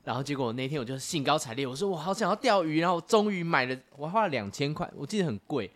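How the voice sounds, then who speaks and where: A man's voice: fairly high pitch, animated, fast talker, fairly bright tone. A man co-hosting a podcast, casually telling his own travel mishaps. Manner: chatty anecdote teller. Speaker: podcast host. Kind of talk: casual chat.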